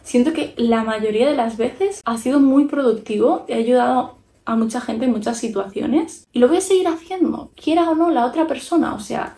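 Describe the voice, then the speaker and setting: A woman's voice: sits high, dark tone, echoey room. A young woman with a Spanish accent from Spain chatting frankly in a casual podcast style as a YouTuber, giving her opinions while she draws.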